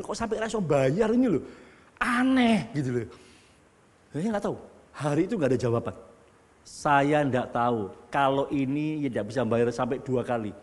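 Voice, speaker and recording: A middle-aged man preaching a sermon as a pastor, telling stories and building to loud exclamations. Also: mid-range voice. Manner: storytelling, animated, climbing to loud exclamations. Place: church hall. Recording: long hall reverb.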